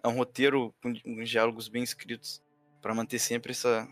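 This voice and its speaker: A man co-hosts a relaxed film review, his speech loose and full of slang. His pitch sits in the middle range, and faint music plays underneath. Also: normal speed, no echo. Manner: slangy and laid-back, animated when joking. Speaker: co-host of a film review show. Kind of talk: casual chat.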